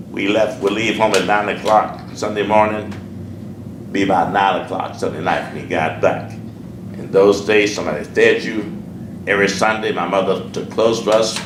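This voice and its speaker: Older Southern pastor, deep and distant. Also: male voice. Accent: Southern American. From Sheffield, Alabama. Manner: earnest, repeats words and phrases. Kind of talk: oral history interview. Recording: echoey room, distant mic, noisy.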